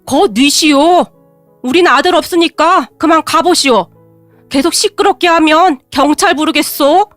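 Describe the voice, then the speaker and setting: Woman reading a stern old father-in-law, booming and scolding, dry sound, faint music. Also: measured pace, dry recording.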